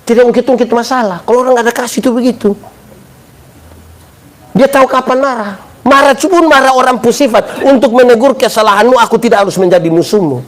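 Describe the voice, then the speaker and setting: A man's voice: extremely high pitch, fairly quick. A male pastor preaching a live sermon, joking and quizzing his congregation with call-and-response questions. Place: church service. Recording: live church recording with congregation and room noise.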